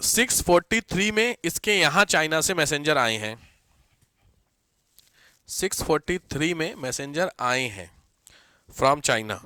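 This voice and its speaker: A male teacher giving an exam-prep history lesson, dictating notes slowly, spelling words out letter by letter and repeating every term. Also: fairly high pitch, lively intonation, sharp tone, dry recording.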